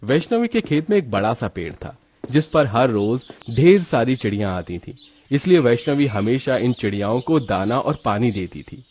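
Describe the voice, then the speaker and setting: A man narrating a story in a steady, scripted storytelling manner with a husky voice. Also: medium pitch, moderate pace, a little hiss or hum.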